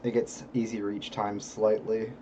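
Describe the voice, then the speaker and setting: A man's voice: fairly low pitch, little pitch movement, a little slow, a loud crowd. A man running a tabletop game as game master, explaining rolls in an easygoing, casual way. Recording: dull lo-fi stream audio, faint hum.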